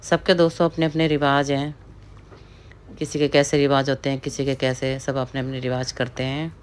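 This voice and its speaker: A woman's voice: very deep voice, flat delivery, moderate pace, a little hiss or hum. A middle-aged woman from the hills, chattily narrating a family ritual in a casual voice-over and often addressing her viewers as friends. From Pahari hill region of India.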